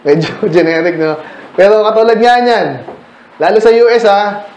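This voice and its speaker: A man's voice: sits high, normal speed, a little mellow. A man teaching a church history seminar in a conversational way, peppering his points with rhetorical questions to the listeners and mixing in English terms. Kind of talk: church history lecture to a mixed room. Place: church meeting room. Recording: echoey room.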